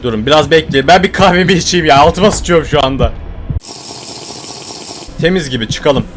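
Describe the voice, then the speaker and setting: A man playing a horror game and commenting as he goes, yelling when startled and whispering while he sneaks. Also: a little high, moderate pace, noisy background. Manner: jumpy, shouts when scared, drops to hushed muttering when sneaking. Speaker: gaming YouTuber.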